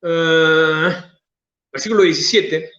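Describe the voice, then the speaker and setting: A pastor with an Argentine Spanish accent preaching a sermon, stretching key phrases for emphasis and then dropping to soft, low asides. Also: male voice, steady tone, slow pace, echoey room, dull audio.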